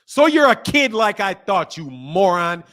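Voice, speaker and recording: His high voice has a sing-song lilt, a bit of brightness and a slightly slow pace. The man, in his fifties and hosting a boxing channel, keeps repeating himself as he scolds and insults a caller in a heated live argument.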